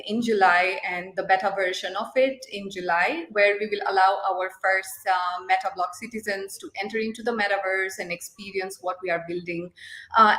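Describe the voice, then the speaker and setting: A young woman from Nepal answers questions as a guest in an online interview. She explains at length, pausing on fillers as she thinks, and sits at a mid pitch. Her voice carries a noticeable room echo. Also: fairly bright tone. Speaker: guest, startup co-founder.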